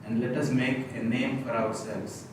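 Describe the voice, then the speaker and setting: Man, reading scripture aloud, steady, far from the mic, very echoey room, audible hiss. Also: medium pitch, a little slow. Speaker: scripture reader in a Bible study.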